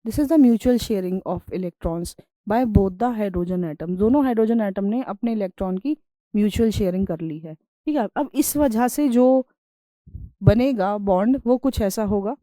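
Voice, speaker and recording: A woman teacher giving a science lesson. She reads English lines slowly, then explains them in Hindi with everyday examples, and keeps checking in with her students. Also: mid-range voice, dark tone, dry recording, poor audio. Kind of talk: classroom lecture.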